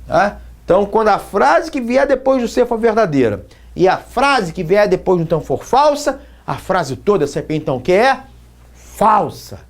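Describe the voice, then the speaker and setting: Lively Brazilian teacher explaining at whiteboard. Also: male voice, high voice, moderate pace. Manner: explains with repeated questions to the students. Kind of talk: whiteboard logic lesson.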